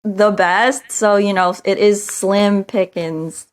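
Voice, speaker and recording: A woman's voice: medium pitch, fairly even intonation, slow. A woman guest on a podcast in casual chat, easygoing and thoughtful as she weighs her picks.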